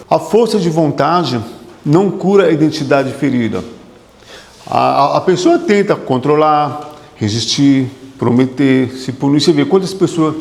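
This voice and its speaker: This man's voice has a medium pitch, a darkish tone, and some vocal fry. He's a psychotherapist giving a forceful motivational talk to an audience, repeating himself and asking the room questions, recorded in an echoey hall with lengthy reverb.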